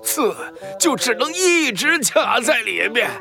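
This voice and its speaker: An actor voicing a huge grumpy fire-breathing dragon for a children's audio story, with gravelly, rumbling growls and groans. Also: sing-song, slow pace, over music, heavily acted. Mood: pained, whining.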